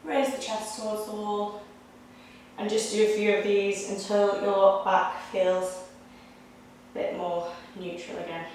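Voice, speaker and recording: A young woman leading a Pilates workout, giving steady, encouraging step-by-step cues. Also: medium pitch, measured pace, distant mic, slight background noise. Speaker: Pilates instructor. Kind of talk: guided exercise instruction. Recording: echoey room, voice picked up from afar.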